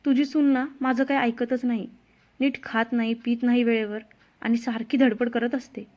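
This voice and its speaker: A woman voicing an excitable, childish young husband who pleads insistently in a storybook reading. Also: on the high side, moderate pace, close to an everyday voice. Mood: pleading. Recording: dull lo-fi sound.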